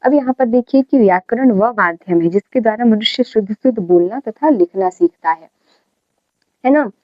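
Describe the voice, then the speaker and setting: A woman's voice: fairly high pitch, lively intonation, moderate pace, dry recording, muffled recording. A woman teaching a grammar lesson, who repeats key words and keeps checking in with her students.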